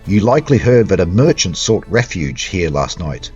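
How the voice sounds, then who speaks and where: A man voicing a gentle, studious monastery abbot in his own plain voice, with formal wording and no accent. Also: deep voice, big pitch swings, moderate pace, slightly rough, lo-fi sound, faint music behind, heavily acted. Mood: grave.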